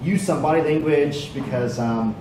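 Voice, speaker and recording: A middle-aged man giving a casual English lesson in a tea shop, speaking slowly and simply and echoing his learner's words back to her. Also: on the high side. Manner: slow, simple phrasing, prompting and repeating a learner's words. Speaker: English teacher. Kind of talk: casual conversational English lesson with call-and-response drills. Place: indoor tea shop room. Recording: echoey room with background noise.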